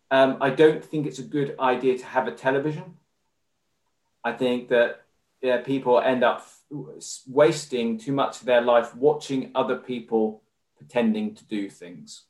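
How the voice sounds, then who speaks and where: A man with an English accent, a podcast guest talking in a measured, formal way with many fillers. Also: medium pitch. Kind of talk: conversational interview. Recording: roomy echo.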